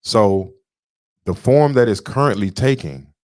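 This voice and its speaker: A man's voice: fairly low pitch, expressive, unhurried, a little mellow, no room sound, studio quality. A man co-hosting a podcast, lecturing in an emphatic way and repeating his points. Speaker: podcast co-host. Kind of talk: casual political talk.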